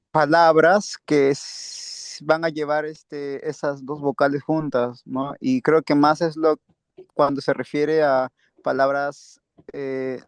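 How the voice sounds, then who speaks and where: A man's voice: on the high side, clear, resonant tone, no room sound. Man, student, hesitant, thinking aloud, dry close sound, video call. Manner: tentative, thinking aloud while summarizing.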